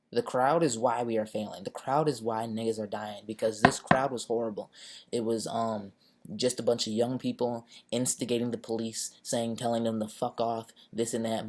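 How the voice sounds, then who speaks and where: A man's voice: mid-range voice, darkish tone. Emphatic man venting a raw story. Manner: emphatic, profane storytelling that acts out the people in the scene. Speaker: vlogger. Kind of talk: raw personal retelling of a protest.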